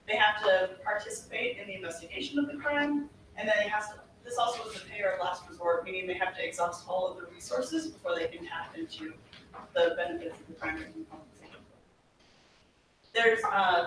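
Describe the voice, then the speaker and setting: A policy presenter giving a formal, explanatory briefing to a legislative committee, earnest and often pausing on fillers. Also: mid-range voice. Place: legislative hearing room. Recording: echoey hearing room from far off, with background noise.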